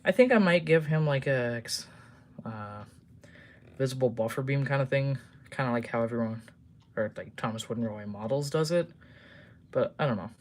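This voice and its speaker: A man's voice: mid-range voice, expressive, moderate pace, long pauses. A man chatting casually on a live stream while building model trains at a home workbench, rambling with lots of fillers and casual swearing.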